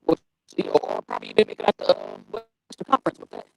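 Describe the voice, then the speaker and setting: A man's voice: quick pace, a little mellow, faint music behind. A man talking casual basketball over a remote call that sounds muffled and breaks up, as if heard through a wall. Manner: loose, drawling slang talk with restarts.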